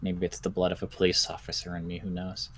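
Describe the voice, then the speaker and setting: In an improvised apocalypse game roleplay, a man voices a measured, curious doctor who studies zombies. His low-pitched, monotone delivery is deliberate and thoughtful.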